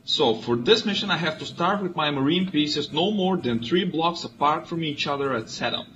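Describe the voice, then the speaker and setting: A man from Bulgaria, a native Bulgarian speaker, calmly and methodically explaining his moves in a strategy board game. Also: fairly high pitch, moderate pace, highs cut off, faint music behind. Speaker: player. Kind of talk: let's play commentary.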